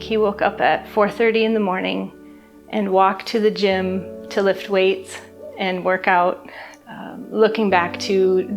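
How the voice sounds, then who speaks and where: A middle-aged woman speaks softly and reflectively in a documentary interview, pausing and searching for words. Her voice sits at an ordinary pitch for a woman. Faint music plays beneath her. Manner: soft, reflective, halting with pauses. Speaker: bereaved mother telling her story.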